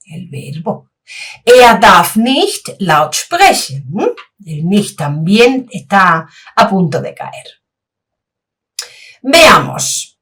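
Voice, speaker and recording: A woman giving a slow, patient language lesson, her fairly high voice rising and falling a lot as she drills each example phrase. She keeps asking the learner questions and repeats sentences word by word. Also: a bit bright. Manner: asks rhetorical questions to the learner. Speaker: German teacher.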